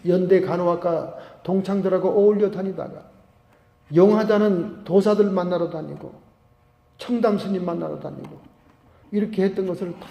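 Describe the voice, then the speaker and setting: A middle-aged male pastor preaching a sermon, telling a story and acting out the people in it with animated voices. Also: sits high, vocal fry, lo-fi sound, slight background noise. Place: church sanctuary. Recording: echoey hall reverb.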